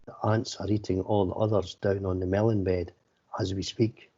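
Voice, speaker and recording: A brave male mongoose from a storybook read by a man, taunting and challenging. The voice is fairly low and slightly husky, on a somewhat dull recording. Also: flat delivery, normal speed, mellow.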